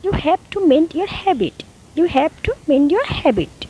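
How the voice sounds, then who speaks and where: High-voiced woman teaching English slowly. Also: sing-song, dull audio. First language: Bengali. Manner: reads each English sentence twice, slowly and deliberately. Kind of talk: slow, repeated phrase-by-phrase teaching.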